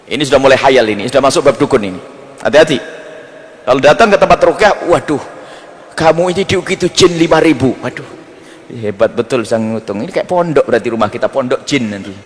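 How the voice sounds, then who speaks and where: Animated preacher, lively high voice. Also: male voice, big-room sound. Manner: animated, mocking asides and acted quotes. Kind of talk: sermon.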